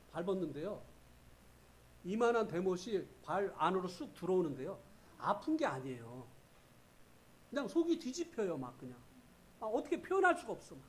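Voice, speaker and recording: A man preaching a revival sermon in a church, telling stories with feeling and acting out quoted voices. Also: high voice. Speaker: pastor.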